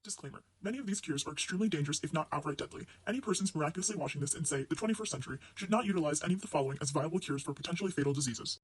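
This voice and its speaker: A man's voice: on the high side, racing, few pauses, breathy edge, rough recording. A man playing a matter-of-fact disclaimer announcer in a parody pharmaceutical ad, rattling off warnings from a script. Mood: brisk warning. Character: brisk male drug-commercial disclaimer announcer listing dangers.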